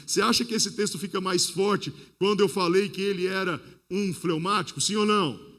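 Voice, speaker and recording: A Brazilian man preaches to a congregation in a fairly high voice. His sermon is lively, he speaks straight to the listeners, and he acts out the people in his stories. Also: brisk. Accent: Brazilian Portuguese. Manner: storytelling that acts out the people it quotes. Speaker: pastor.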